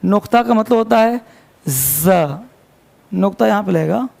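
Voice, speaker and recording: This man's voice is high, gravelly and a little mellow, expressive and slightly slow. He's an English teacher with a North Indian, Hindi-speaking accent leading a grammar class, spelling words letter by letter and posing questions he then answers himself.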